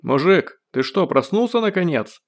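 A man voicing a gruff male guard shouting rough, bossy orders through a loudspeaker in an audiobook. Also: high voice, sing-song, normal speed, voice pushed up, exaggerated voice. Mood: exasperated. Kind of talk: audiobook character voice.

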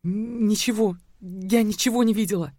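A tearful young cheerleader girl , put on by a male audiobook reader pleads in a high, shaking voice and stumbles over her words. The sound is close and dry, with no room around it. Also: fairly quick, no room sound, natural voice. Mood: frightened pleading. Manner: trembling, pleading, stammering. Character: terrified petite young female cheerleader, tearful.

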